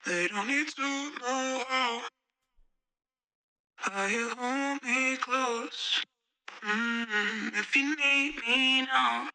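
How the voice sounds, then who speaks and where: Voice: extremely slow, long pauses, sharp tone, dry recording, rough recording. A sung vocal played back from a song, formant shifted so it wavers between a natural tone and a chipmunk-like one. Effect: formant shifted vocal, pitched up and heavily processed. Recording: song playback with music behind. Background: electronic music track.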